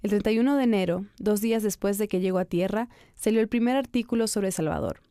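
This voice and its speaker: Female narrator-reporter, dark mellow voice, steady scripted storytelling. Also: medium pitch, clear, resonant tone, dry recording, studio quality. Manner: calm, measured storytelling.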